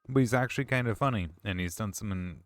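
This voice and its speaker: A man's voice: fairly low pitch, fairly bright tone, dry recording. A man streaming a game, chatting casually with viewers in a rambling, self-correcting way. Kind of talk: casual chat while gaming.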